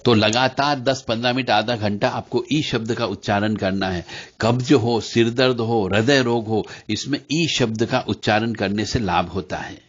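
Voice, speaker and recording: A man teaching about mantras in a devotional lecture, speaking directly to listeners and chanting syllables slowly between explanations. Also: lowish voice. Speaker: spiritual teacher. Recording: slightly dull lo-fi recording.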